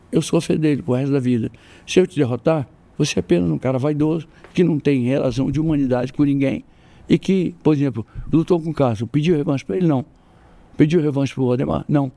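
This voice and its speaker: An older man with a Brazilian accent, a jiu-jitsu master telling animated stories in an interview, jumping up in pitch when he quotes people. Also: gravelly, no echo. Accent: Brazilian Portuguese. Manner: animated, acts out quoted voices with jumps in pitch. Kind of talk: storytelling in casual interview.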